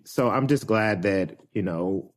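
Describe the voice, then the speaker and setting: A man talking as a podcast guest, reflective and hesitant, pausing often with fillers as he thinks. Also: fairly low pitch. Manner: thoughtful, hesitant, many fillers. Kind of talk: reflective conversation.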